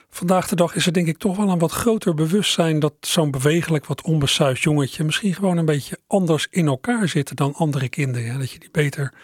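Middle-aged male radio host, slightly husky, close and dry, relaxed reflective chat. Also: a little high, dry recording. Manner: musing, conversational, addresses listeners directly. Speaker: radio presenter.

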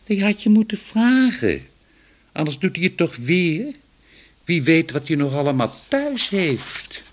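A man voicing an eager young male shopkeeper who talks in an excited, raised voice. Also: a little high, a little slow, slight background noise, voice pushed up. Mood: triumphant.

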